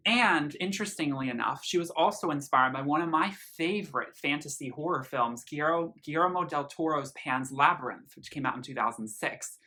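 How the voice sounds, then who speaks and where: Fairly high-pitched and sharp, this man talks a little fast with hardly any pauses while casually raving about an album. He speaks earnestly, stresses words heavily, and reads lyrics aloud.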